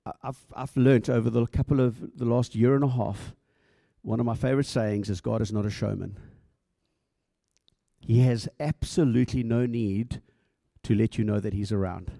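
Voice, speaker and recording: A man's voice: mid-range voice, steady tone, moderate pace, vocal fry, mellow, no echo, studio quality. A middle-aged male pastor preaching a conversational sermon, acting out little dialogues and often stumbling and repeating words as he goes.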